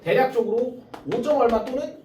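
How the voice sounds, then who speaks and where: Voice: mid-range voice, normal speed, darkish tone, highs cut off, a little hiss or hum. A math tutor leading a small-group lesson in a classroom, explaining step by step and calling on students by name. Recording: roomy sound from a distance.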